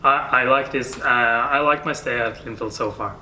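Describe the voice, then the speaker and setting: A man's voice: mid-range voice, normal speed, bright, forceful tone. A young man from Norway, a student training to be a teacher, answering interview questions hesitantly with "uh" and restarts. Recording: mic at a distance, faint background hiss.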